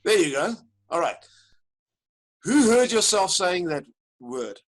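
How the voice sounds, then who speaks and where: A man's voice: high-pitched, slow pace, low-quality recording. A man teaching a live online coaching webinar, talking straight to his audience and counting them in. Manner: animated, addresses audience directly, counts them in. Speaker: life coach and webinar presenter. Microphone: video call.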